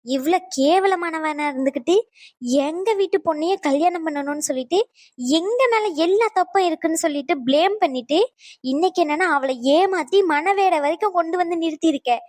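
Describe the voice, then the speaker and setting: A woman's voice: very high voice, a little fast, no room sound. A woman voicing a scolding, insulting middle-aged aunt in a cartoon drama. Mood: contemptuous. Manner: insulting, shouting, wailing.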